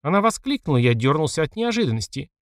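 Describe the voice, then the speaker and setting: A man's voice: a little high, very animated, fast talker, no echo. A man reading a first-person fantasy audiobook in a dry, wry storytelling manner. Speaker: audiobook narrator.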